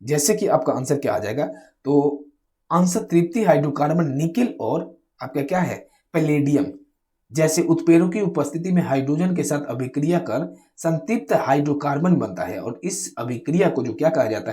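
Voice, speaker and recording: A man's voice: fairly high pitch, mellow. A man teaching exam science questions, asking rhetorical questions and answering them himself, addressing his viewers directly. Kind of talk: exam question walkthrough lesson.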